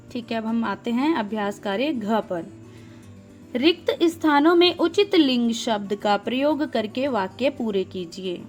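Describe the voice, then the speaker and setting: A woman teacher explaining a grammar exercise to young pupils step by step, asking questions and answering them herself. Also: on the high side. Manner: patient, explains step by step and repeats key words. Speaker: school teacher.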